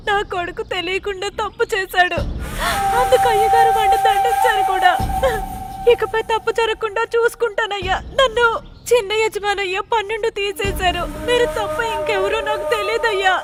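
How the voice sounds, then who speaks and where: An actress playing a poor maid and mother who pleads tearfully with her employers. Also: very high voice. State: crying. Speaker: servant and mother. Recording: film soundtrack with loud music.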